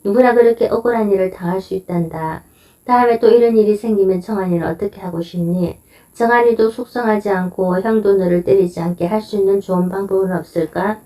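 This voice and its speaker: Gentle mother coaching her little boy read by a woman, soft and mellow, mic at a distance. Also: mid-range voice, brisk, natural voice. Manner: gentle, soothing questioning.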